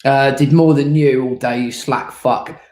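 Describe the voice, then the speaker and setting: A man's voice: medium pitch, fairly even intonation, a little slow, echoey room, background noise. A man co-hosting a casual debrief of an airsoft event, talking in a sweary, teasing, laddish way.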